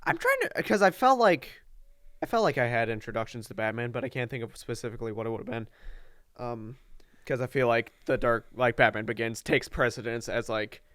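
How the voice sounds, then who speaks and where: A young man co-hosting a casual podcast chat at home, rambling and hesitant, filling pauses with likes and ums. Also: medium pitch, lively intonation, a bit bright, no echo, studio quality. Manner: rambling, hesitant, lots of fillers. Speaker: podcast co-host.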